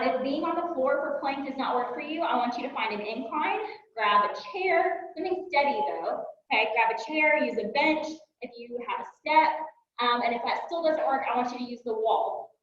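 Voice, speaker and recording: A woman's voice: high-pitched, a little fast. A woman fitness instructor cueing a workout class, talking while she moves and sounding a little winded, with frequent fillers. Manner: talks while moving and exercising. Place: fitness studio. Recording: echoey room, distant mic, dull sound.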